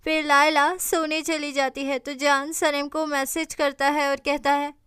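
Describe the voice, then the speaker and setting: Bright high-voiced woman narrating. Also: measured pace, no echo, clean studio sound. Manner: steady storytelling. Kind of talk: scripted drama recap narration.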